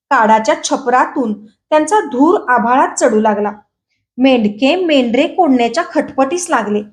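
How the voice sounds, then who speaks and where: A woman calmly reading a novel aloud at a measured pace, after a short channel introduction. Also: high-pitched. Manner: calm, measured storytelling. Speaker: audiobook reader. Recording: echoey room.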